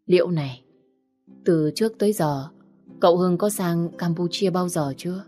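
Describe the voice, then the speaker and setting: Brief: narrator reading as a worried young wife, uneasy, lowish voice, storybook. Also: female voice, moderate pace, warm tone, faint music behind, close to an everyday voice. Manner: anxious, uneasy.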